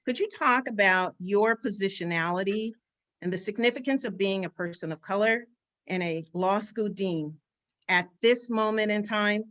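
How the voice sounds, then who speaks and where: Woman moderator on a video panel, calm and measured, asking the deans questions. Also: medium pitch.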